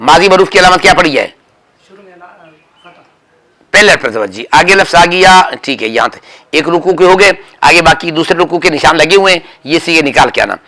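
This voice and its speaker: A man's voice: fairly high pitch, expressive, moderate pace, bright, forceful tone. Firm male teacher drilling grammar. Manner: firm, repetitive corrections, calls on students by name. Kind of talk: drilling students in a grammar lesson.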